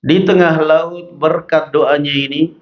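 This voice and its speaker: Male preacher, higher-pitched voice, slow chanted Arabic then chatty explanation, dull lo-fi recording. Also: steady tone. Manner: chants Arabic text slowly, then explains in casual speech. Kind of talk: mosque study sermon. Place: mosque.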